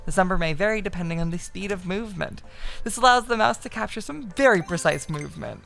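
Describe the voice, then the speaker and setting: Excitable gravelly-voiced woman streamer. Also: on the low side, fast talker, soft background music. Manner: excitable, swears casually, reads on-screen text aloud. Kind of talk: casual live-stream commentary.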